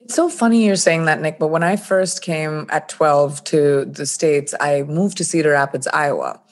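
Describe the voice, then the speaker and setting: A woman's voice: sits low, normal speed. A woman from India, a guest in an interview, telling stories from her life in a reflective way. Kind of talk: interview conversation.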